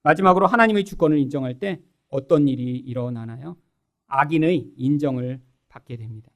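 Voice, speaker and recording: A man's voice: medium pitch, a little fast. A man preaching a sermon as pastor. He keeps asking the congregation questions and acts out little scenes. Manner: asks the congregation many rhetorical questions.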